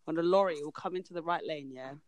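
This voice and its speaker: A man's voice: fairly high pitch, fast. A young man chatting casually among friends. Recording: clear background noise with clicks.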